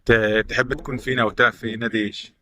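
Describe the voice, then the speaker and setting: A man's voice: medium pitch, level tone, very fast, a crowd in the background. A man with an Egyptian accent interviewing young players, firing short questions and repeating their answers back. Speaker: interviewer at a youth football academy. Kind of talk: rapid-fire question interview.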